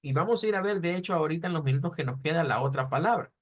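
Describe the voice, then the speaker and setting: Man, language teacher, slow repetitions, a bit high-pitched. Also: animated. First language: Spanish. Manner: patient, explanatory, repeats sounds slowly to model pronunciation. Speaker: German teacher. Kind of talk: online language lesson.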